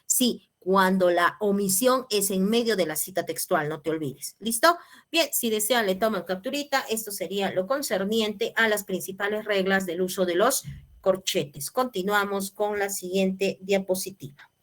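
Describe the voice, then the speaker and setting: A woman's voice: medium pitch, normal speed. Woman teaching an online class. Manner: patient, checks in with tag questions.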